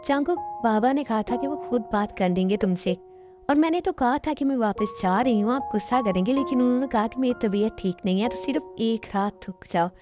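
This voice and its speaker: A woman's voice: a little high, a little fast, over music, natural voice. A woman voicing a young pregnant wife who reproaches her husband in a fan-dubbed drama. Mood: reproachful. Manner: reproachful, hurt. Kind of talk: Hindi fan dub drama.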